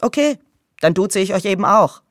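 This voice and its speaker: A woman's voice: medium pitch, lively intonation, moderate pace, dry recording, natural voice. Actress doing wounded indignant woman, radio essay turning into a rant, super dry studio sound. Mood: angry, hurt. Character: indignant grown woman still wounded by school sports. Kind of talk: scripted first-person radio essay with dramatic dialogue.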